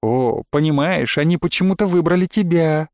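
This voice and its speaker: A man's voice: a little high, animated, normal speed, vocal fry, a little mellow, no room sound, clean studio sound. A man voicing a dead witch stepmother in her forties, coquettish and cruel, with a singsong, purring, taunting voice. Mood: sweet, mocking.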